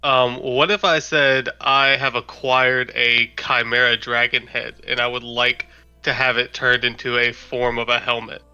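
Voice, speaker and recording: Very bright-voiced man playing a tabletop game. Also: medium pitch, level tone, a little slow, clear, resonant tone, muffled recording, faint music behind. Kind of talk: casual in-character role-play.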